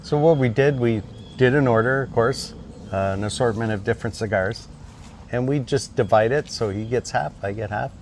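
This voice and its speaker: A man's voice: medium pitch, normal speed, a little mellow, slight background noise. A man co-hosting a cigar review, talking easily as he shows things to the camera outdoors. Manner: easygoing, shows items to camera. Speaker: co-host of a cigar review channel. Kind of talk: casual chat.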